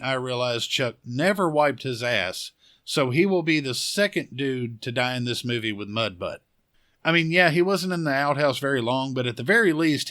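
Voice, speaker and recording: A man's voice: medium pitch, a bit bright. A man recapping a horror movie scene by scene with sarcastic, crude humor. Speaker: horror film reviewer. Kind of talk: profane comedic movie recap.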